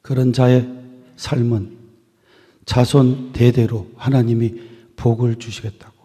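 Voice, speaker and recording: A male pastor preaching a sermon to his congregation in a church, building phrases up with emphasis and letting them fall soft at the ends. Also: medium pitch, flat delivery, a little slow, slightly rough. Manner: earnest preaching with swelling emphasis and soft trailing endings. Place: church sanctuary. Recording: long reverb of a church hall.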